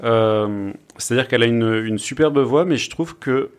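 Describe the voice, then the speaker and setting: A man's voice: mid-range voice, normal speed, clear, resonant tone. A man giving an easygoing song review on a radio panel. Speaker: radio columnist.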